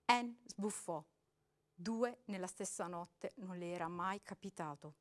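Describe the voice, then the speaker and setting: A woman giving an expressive, dramatic reading of a short story aloud. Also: lowish voice, a little slow. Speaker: reader.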